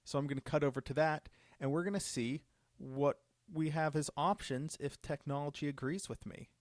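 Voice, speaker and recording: A man's voice: a little high, steady tone, normal speed, dry recording, clean studio sound. A man hosting a live stream Q&A, casually revealing cards with enthusiasm. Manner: enthusiastic, upbeat card reveals. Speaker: judge program host.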